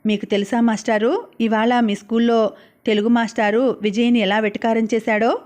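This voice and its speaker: A woman voicing a caring young mother in an audiobook, speaking softly and tenderly, with worry underneath. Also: on the high side, little pitch movement, moderate pace, close to an everyday voice. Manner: soft, tender and coaxing.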